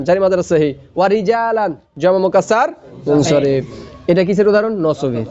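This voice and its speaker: A man teaches grammar in a lecture, his voice sitting high. He keeps asking questions and answering them himself. The recording sounds muffled and lo-fi. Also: a little mellow. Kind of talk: classroom lecture.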